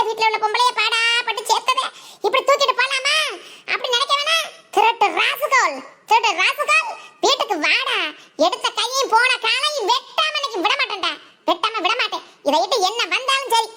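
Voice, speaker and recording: A performer voicing an angry old village grandmother in a cartoon, with a Tirunelveli Tamil accent and a shrill, scolding way of talking. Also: bright, forceful tone, heavily acted. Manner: shrill, scolding, laughing through rants. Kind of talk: cartoon voice acting.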